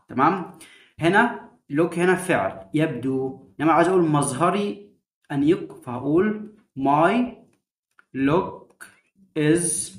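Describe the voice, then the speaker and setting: A man with an Egyptian Arabic accent teaching English vocabulary to middle school students. He repeats each word slowly, shows how to pronounce it, and calls the students heroes. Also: on the high side, reverberant. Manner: drills pronunciation slowly, repeating words for students.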